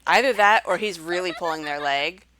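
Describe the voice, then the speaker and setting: A man's voice: high-pitched, a little slow, a crowd in the background. A man giving casual live game commentary as a streamer, with dry, offhand asides. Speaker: game streamer reacting to cutscenes.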